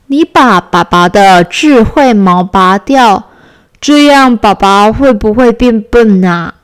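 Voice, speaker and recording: A woman voicing a gentle, teasing father bear in a children's bedtime story. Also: medium pitch, expressive, slow pace, clean tone. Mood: sleepy.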